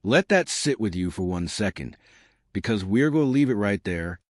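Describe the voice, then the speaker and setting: Speaking at a normal pace in an animated, lowish voice, a man narrates a scripted dramatic story. The recording is dry and studio-clean, and he takes the role of a suspenseful storyteller talking directly to the audience.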